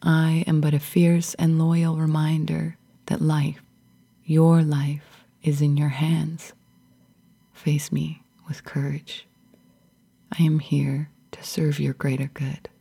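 A woman voicing the tender spirit of fear, speaking in a soft, loving whisper. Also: low-pitched, little pitch movement, slow, vocal fry, husky, exaggerated voice.

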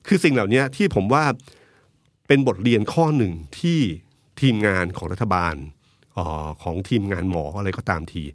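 A man's voice: lowish voice, moderate pace, dry recording, clean studio sound. A man commenting on politics in a talk show discussion, arguing his points with vivid analogies. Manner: animated, argumentative, uses vivid analogies.

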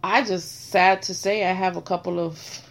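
A middle-aged woman hosting a casual chat, speaking bluntly and with animated swings between quiet and loud. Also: on the low side, moderate pace. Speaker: host.

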